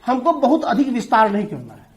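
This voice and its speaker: A man's voice: extremely high pitch, huge pitch swings, brisk, roomy sound. A male teacher giving an exam-prep lecture on essay writing, explaining with everyday examples and speaking straight to his students. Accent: Hindi.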